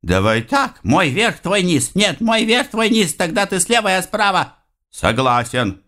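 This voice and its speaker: Casting: male narrator doing eager, squabbling little spirit men, high-pitched, for a storybook. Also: very animated, unhurried, sharp tone, heavily acted. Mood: bickering. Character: squeaky bickering male spirits with beards. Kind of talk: audiobook reading.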